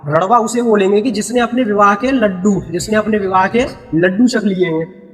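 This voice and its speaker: A man's voice: high voice, fairly even intonation, normal speed, in a large hall, faint music behind. A young man teaching a grammar lesson, who repeats key words and asks the viewer questions before giving the answers.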